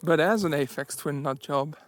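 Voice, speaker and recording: A man's voice: on the high side, normal speed. A man telling anecdotes in a casual, rambling, self-deprecating audio diary while out on a walking trip. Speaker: travel vlogger on a solo walking trip.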